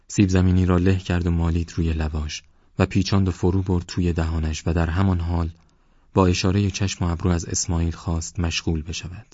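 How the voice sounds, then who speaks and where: A man narrating a novel as an audiobook in a slow, measured reading. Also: low voice, a little mellow, no room sound, muffled recording.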